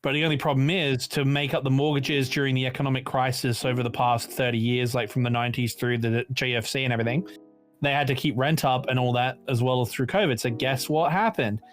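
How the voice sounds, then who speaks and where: A man in his late twenties with an Australian accent, chatting casually on a podcast and explaining things at length in an animated way. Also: mid-range voice, fast, soft background music. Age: 20s. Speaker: podcast co-host.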